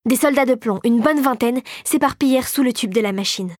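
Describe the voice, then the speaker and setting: A woman reading a children's fantasy audiobook aloud in a steady, expressive storytelling manner. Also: on the high side, a little fast, dry recording, studio quality. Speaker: audiobook narrator. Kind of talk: scripted narration.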